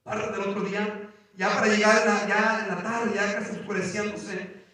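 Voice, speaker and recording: High-voiced impassioned preacher, echoey church. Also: male voice, level tone, normal speed. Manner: impassioned storytelling, rising to shouted exhortation. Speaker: missionary preacher. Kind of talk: sermon. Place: church service. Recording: very echoey church hall, mic far off.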